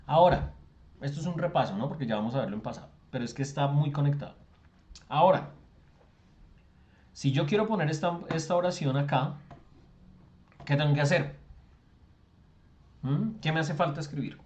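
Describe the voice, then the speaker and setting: A man's voice: a little high, moderate pace, pauses often, a little mellow, lo-fi sound. A man, teaching an online class and explaining with lots of rhetorical questions. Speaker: English tutor. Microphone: video call.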